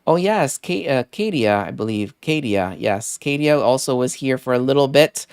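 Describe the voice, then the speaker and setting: A man's voice: mid-range voice, expressive, moderate pace, clear, resonant tone, no room sound, studio quality. A man hosting a live deals stream, chatting casually and rambling with many fillers while thanking viewers by name. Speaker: livestream deals host.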